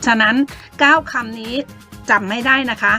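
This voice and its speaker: A woman teaching English to children with a Thai accent, slowly sounding out words syllable by syllable in an encouraging way. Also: fairly high pitch, bright, forceful tone, faint music behind.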